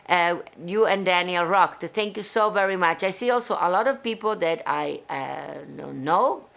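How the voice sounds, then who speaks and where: A woman in her forties from Venice with an Italian accent, chatting casually to viewers on her own live stream from her living room, very expressive. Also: on the low side, normal speed, creaky. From Italy (Venice). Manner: chatty and expressive, gestures a lot, reads viewer comments. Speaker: singer hosting her own live show. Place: living room at home with framed pictures.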